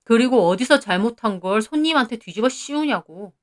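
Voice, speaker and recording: A man's voice: very high-pitched, animated, fairly quick. A woman voicing an arrogant, vindictive young man who boasts contemptuously about bullying a worker. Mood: smug.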